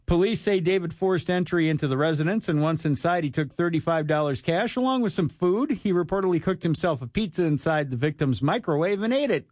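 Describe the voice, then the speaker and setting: A man's voice: fairly high pitch, lively intonation, fairly quick, hardly any pauses, a little mellow, dry recording, clean studio sound. A man hosting a radio show, reading strange crime stories aloud and cracking jokes between them, often laughing. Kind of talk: joking banter reading news stories.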